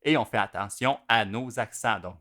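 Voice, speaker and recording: A man's voice: fairly low pitch, moderate pace. A man explaining drum exercises step by step, in a patient, methodical way. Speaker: drum teacher. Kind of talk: instructional video explanation.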